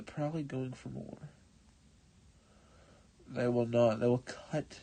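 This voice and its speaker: A man's voice: mid-range voice, a little mellow, low-quality recording. A man giving playful, mock-dramatic commentary over his own strategy game as a streamer. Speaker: gaming streamer. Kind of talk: gameplay commentary.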